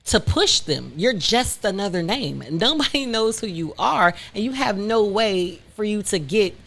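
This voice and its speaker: A woman from Detroit, a content creator, telling her story in a frank, animated interview chat. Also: mid-range voice, a little slow, vocal fry. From Detroit, Michigan.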